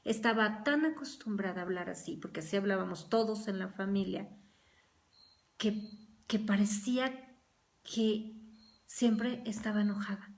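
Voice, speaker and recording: A woman's voice: medium pitch, unhurried, pauses often. Earnest woman teaching a Bible study. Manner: earnest, acts out everyday quarrels in quoted voices.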